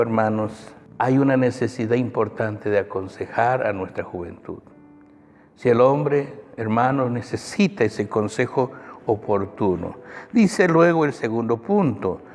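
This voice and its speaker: A man's voice: medium pitch, a little mellow. A male pastor preaching a sermon in an emphatic way, often calling out to the brethren in a church. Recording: long church reverb, faint music.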